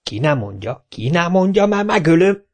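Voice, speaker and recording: A man voicing a hot-tempered, bullying male mayor in an audiobook, barking and shouting. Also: a little high, lively intonation, pitched above the performer's own voice. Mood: furious. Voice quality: shouting, bossy.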